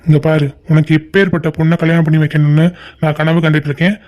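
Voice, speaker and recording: A man's voice: a little high, little pitch movement, quick pace, darkish tone, natural voice. A man voicing a stern, scolding cartoon father. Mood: angry. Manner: scolding, commanding. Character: stern angry middle-aged father. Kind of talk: cartoon family drama voicing.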